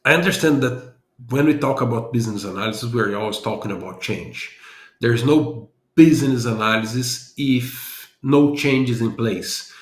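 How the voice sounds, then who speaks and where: A Brazilian man whose first language is Portuguese appears as a guest on a podcast interview, earnestly explaining his ideas and thinking aloud as a business analysis consultant. He has a Brazilian accent and a mid-range voice at a moderate pace, with a roomy sound.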